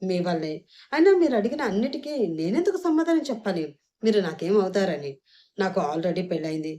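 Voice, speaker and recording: A woman's voice: mid-range voice, expressive, brisk, dark tone, natural voice. A woman voicing a hurt young woman who argues back through tears in an audio story. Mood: defiant. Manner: tearful and defiant. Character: hurt, defiant young woman, tearful but proud.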